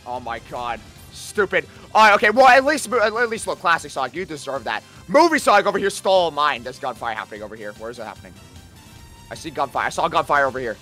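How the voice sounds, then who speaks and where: Arrogant, exasperated cartoon hedgehog, played by a man, high and very animated, griping over gameplay with music behind. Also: quick pace. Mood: aggrieved. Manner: whiny, exasperated, sarcastic complaining. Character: Shadow, irritable, arrogant male cartoon hedgehog. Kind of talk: comedic in-character gameplay commentary.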